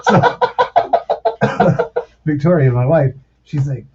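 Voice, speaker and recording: A man telling stories in a casual podcast chat, excitable and full of swearing. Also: on the high side, drawn-out words, over loud music. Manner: profane, excitable storyteller. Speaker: podcast guest. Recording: muffled lo-fi podcast audio.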